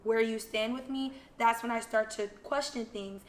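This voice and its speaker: A woman's voice: a little high, fairly even intonation, moderate pace, a little hiss or hum. A young woman co-hosting a podcast, talking earnestly and emphatically in casual chat. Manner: earnest, emphatic, thinks aloud with repeats. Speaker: podcast co-host.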